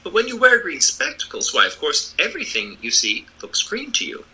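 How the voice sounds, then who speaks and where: A man's voice: on the high side, huge pitch swings, fairly quick, bright, forceful tone, husky, voice pushed up, exaggerated voice, rough recording. A man voicing the Wizard of Oz as a kindly, apologetic old humbug, earnestly explaining himself in a storybook reading. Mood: confiding, explanatory. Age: older.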